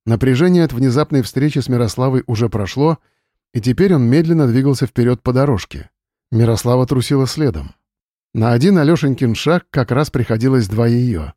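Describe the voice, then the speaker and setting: A man narrating an audiobook in an even, measured reading style on a close mic. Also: mid-range voice, dry recording. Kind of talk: scripted narration.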